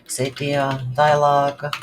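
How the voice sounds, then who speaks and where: A game development tutorial instructor narrates an unscripted screen recording slowly and hesitantly, thinking aloud in short phrases. His mid-range voice is monotone, and there's faint background noise.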